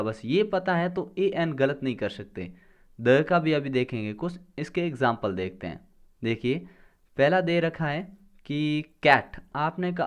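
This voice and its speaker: A man teaching a grammar lesson for an exam. He explains step by step, asks questions and answers them himself, and sounds out words slowly. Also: a little high.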